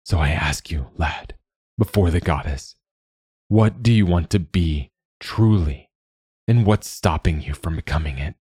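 A man voicing a gentle, wise older male guide who speaks slowly and in a fatherly way. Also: low voice, breathy edge, no room sound, studio quality, full character voice. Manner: slow, fatherly, calls the youth lad.

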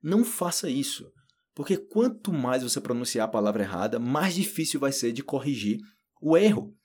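A man giving an informal lesson, lively and fond of acting out learners and slowly repeating practice phrases. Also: medium pitch, breathy edge. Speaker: Portuguese teacher.

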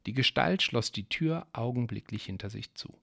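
A man reads a story aloud at a calm, measured pace and breaks off now and then for casual asides to his listeners. His voice is gravelly, with a rough texture low in his speech. The recording is close and dry. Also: no room sound. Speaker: story reader.

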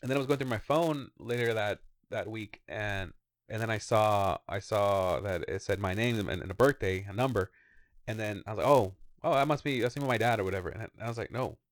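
Brisk and on the low side, a man in his thirties chats as co-host of a casual podcast. He rambles comfortably and swears occasionally. It's a dry, studio-quality recording.

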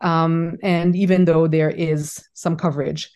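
A middle-aged woman from Haiti talks as a guest on an interview podcast. Her voice sits low, and she speaks in a thoughtful, halting way, often restarting her sentences. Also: level tone, mellow. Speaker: fertility doctor, podcast guest. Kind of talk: conversational interview.

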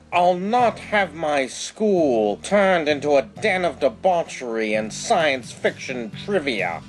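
A woman putting on a cranky old male headmaster, haughty and easily scandalized, in a comic podcast skit. Every word is dragged out very slowly. Soft music plays faintly behind. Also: extremely low pitch, full character voice. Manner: haughty, indignant, very slow and deliberate. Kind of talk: comedy skit.

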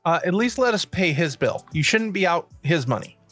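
A man in a tabletop game session with a fairly high voice, narrating his character's moves and talking in character. He speaks loosely, with restarts and quick asides. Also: faint music behind. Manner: relaxed, halting with restarts and asides. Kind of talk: casual chat, role-playing his character.

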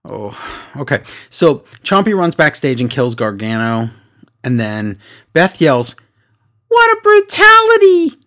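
A middle-aged man co-hosting a podcast, recapping shows in casual chat in an animated, jokey way. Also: medium pitch, a little slow. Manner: animated, jokey, acts out quotes. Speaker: podcast co-host.

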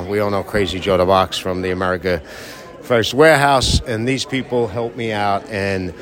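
A man's voice: lowish voice, fairly bright tone. A man talking in a brash, boastful, profane way, interviewed at a busy event. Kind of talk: casual interview. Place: hotel event, crowd around. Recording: crowd noise behind. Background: crowd chatter.

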